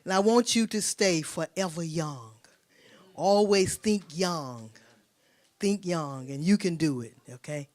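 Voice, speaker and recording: A woman pastor with a hoarse, worn voice, speaking encouragingly to a church congregation. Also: lowish voice, takes it slowly, pauses often, darkish tone. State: hoarse from a lost voice. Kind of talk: church service remarks before a song.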